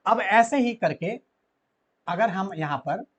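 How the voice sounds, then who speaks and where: A man's voice: high-pitched, lively intonation, slow pace, slightly rough, highs cut off. A man teaching a grammar lesson to children, asking them questions and answering them himself.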